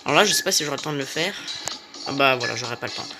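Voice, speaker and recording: A man's voice: medium pitch, animated, very fast. A young man giving casual commentary on a video game as he plays, hesitant and full of fillers. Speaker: gaming youtuber. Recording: game music behind.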